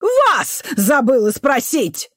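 A woman's voice: on the high side, animated, measured pace, no room sound, clean studio sound, voice pushed up. A woman voicing a vicious, foul-mouthed old female caretaker who snarls and shrieks abuse. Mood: furious.

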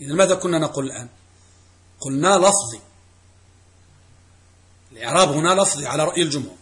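A man's voice: on the high side, lively intonation, fast, a bit bright. A middle-aged man teaching a classroom grammar lesson as a religious teacher, quizzing students and repeating key phrases.

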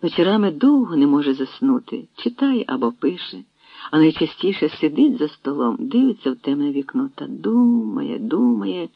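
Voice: mid-range voice, sing-song, normal speed, creaky, dry recording. A reader voicing an elderly woman servant who gasps and whispers with a trembling voice, in an audiobook reading. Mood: fretful. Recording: dry, dull lo-fi sound.

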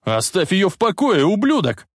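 A frantic teenage hero in an audiobook, as a male narrator acts him out. He shouts high and urgent. The sound is dry and close. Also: sing-song, unhurried, slightly rough, dry recording, full character voice. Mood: furious. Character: young man, frantic teen hero.

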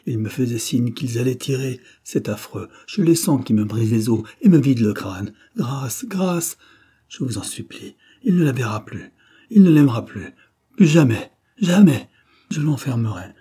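A man's voice: mid-range voice, lively intonation, moderate pace, warm tone, breathy edge, voice pushed up. A man voicing a frenzied old woman mad with terror in an audiobook reading, pleading and shrieking wildly. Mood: terrified pleading.

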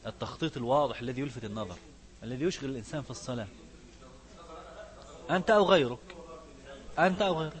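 Here an Egyptian sheikh with a mid-range voice talks very fast yet leaves long pauses as he teaches a fiqh text. His religious lesson swings from classical recitation to colloquial remarks, and he quizzes the students throughout.

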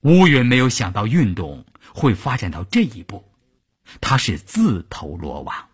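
A male storyteller narrating a traditional spoken story in a measured, dramatic way. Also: on the low side, wildly swooping pitch, slightly rough.

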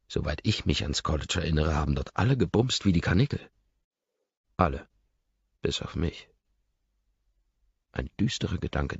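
A man reading a first-person audiobook, brooding and inward. His voice sits extremely low, husky and gravelly. The recording is dry and a little dull. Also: no echo. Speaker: audiobook narrator.

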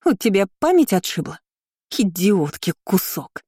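A woman's voice: on the low side, fairly even intonation, normal speed, dark tone, dry recording, clean studio sound, close to an everyday voice. A woman reading an audiobook voices a spiteful, haughty young noblewoman who speaks with open contempt. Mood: sneering. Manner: sneering, contemptuous. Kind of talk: audiobook character voicing.

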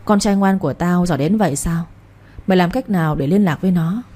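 A woman voicing a cruel older female crime boss, deep and warm in tone but sharp and shrewish, sneering and commanding. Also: fairly quick, natural voice.

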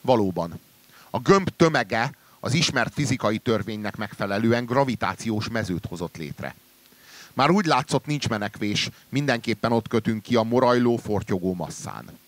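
A man reading a literary story aloud in a measured way, trailing low and quiet at the ends of sentences. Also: animated, no echo. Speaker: reader.

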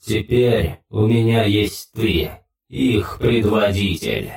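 Male narrator playing a deranged mech pilot: metallic, booming, robotic echo, slow menace, sounds distant. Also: animated, vocal fry, darkish tone, exaggerated voice. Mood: menacing. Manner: slow, menacing, with nervous chuckles. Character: unhinged male ex-soldier inside a war mech. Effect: metallic echoing mech-suit voice. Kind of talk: audiobook character voice. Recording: heavy echo, distant from the mic.

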